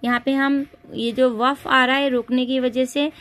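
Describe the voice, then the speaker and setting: High-voiced woman teaching Quran reading slowly. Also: level tone, fairly bright tone. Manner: spells syllables out slowly, repeating each; addresses listeners as sisters. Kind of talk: slow recitation lesson.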